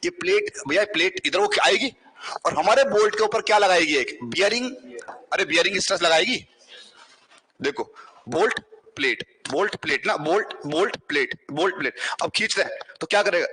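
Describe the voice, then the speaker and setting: Bright, husky-voiced man teaching a class. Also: sits high. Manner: brisk, coaxing, keeps asking the class questions. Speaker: civil engineering teacher. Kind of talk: exam-prep lecture.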